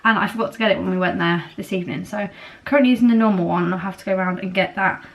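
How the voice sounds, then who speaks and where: A woman in her twenties chatting casually to her camera at home, rambling a little and filling pauses with ums. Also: medium pitch, fairly even intonation, gravelly, low-quality recording. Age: 20s. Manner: chatty, rambling, many fillers. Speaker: vlogger. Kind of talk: casual vlog chat. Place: at home, indoors. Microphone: camera on a small tripod.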